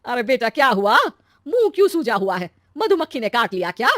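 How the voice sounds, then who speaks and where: A woman voicing a calm, shrewd older mother in a cartoon story, speaking patiently and with a motherly tone. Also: a little high, brisk, no echo, studio quality, voice pushed up.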